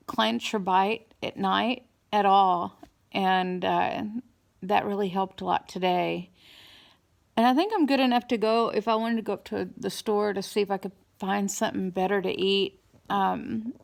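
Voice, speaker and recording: A woman giving a casual, halting personal update, weary after dental surgery, slightly hoarse, with speech a little impeded by a swollen mouth and new teeth. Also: medium pitch.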